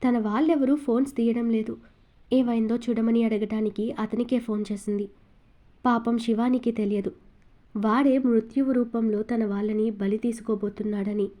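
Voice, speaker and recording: A woman narrating a serialized novel aloud with steady, expressive storytelling. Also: on the high side, normal speed. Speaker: audiobook narrator.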